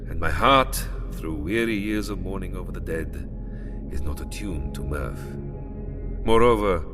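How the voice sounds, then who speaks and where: Old vampire count from transylvania, deep swooping voice, grand formal brooding talk, audio drama w music behind. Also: male voice, lively intonation. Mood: brooding, mournful. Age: older. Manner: formal, grandiose, deliberate old-world phrasing.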